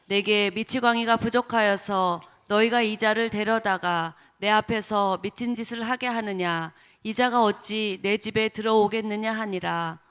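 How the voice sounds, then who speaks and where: A woman reading a scripture passage aloud in a steady, measured way during a church service. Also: mid-range voice, smooth.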